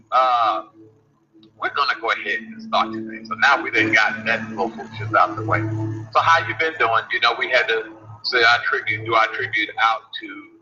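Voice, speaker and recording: A man's voice: on the low side, bright, forceful tone. A man hosting a casual radio show, talking in a folksy, incredulous way. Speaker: host. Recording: dull lo-fi livestream audio with faint hiss.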